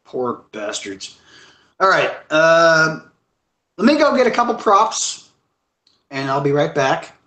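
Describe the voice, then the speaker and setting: A man's voice: fairly high pitch, very animated, a little slow, pauses often, bright, forceful tone. Joking, rambling man in an echoey room. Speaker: host. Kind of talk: casual live stream chat. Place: home.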